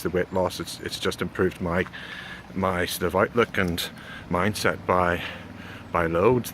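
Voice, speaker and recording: Low-voiced guy in his 40s chatting away to a vlog, stumbles over words, some outdoor noise behind. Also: fairly bright tone. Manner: hesitant, halting, with repeated words and frequent "you know". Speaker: video blogger giving a health update. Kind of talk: casual rambling spoken vlog. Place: outdoors near a road. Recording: clear background noise, outdoors with passing traffic.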